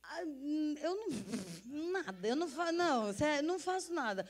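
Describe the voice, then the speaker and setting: A woman's voice: high-pitched, very animated, a little slow. A middle-aged woman, an interview guest telling a story with lots of energy, acting out voices and laughing often. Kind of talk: animated storytelling.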